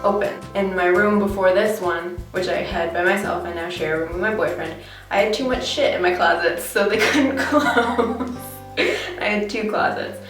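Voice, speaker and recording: A woman's voice: lowish voice, normal speed, soft background music. American woman vlogging in a very echoey bathroom. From Connecticut, USA. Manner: talky, informal. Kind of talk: casual chatty tag video. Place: small bathroom, indoors. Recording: echoey bathroom, distant camera mic.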